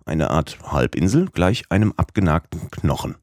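A man's voice: deep voice, very animated, normal speed, darkish tone, dry recording, clean studio sound. A man voicing a young nephew in an audiobook who raises hesitant, polite objections. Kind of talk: audiobook character voice.

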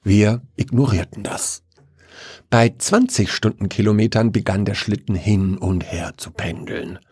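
Male storyteller with a husky voice, wry and even, in a dry sound. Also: lowish voice, measured pace, no room sound. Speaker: narrator.

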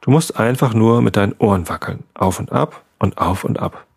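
A small, friendly bat who lisps, as a man voices her in a storybook tale. The voice is husky and a bit gravelly, recorded dry. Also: lowish voice, normal speed, no echo. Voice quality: lisping.

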